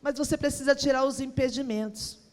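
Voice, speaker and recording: A woman pastor, telling a personal story in an animated sermon that swings from soft to loud. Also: high-pitched, a little fast. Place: large church auditorium, on stage. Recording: long reverb of a large hall.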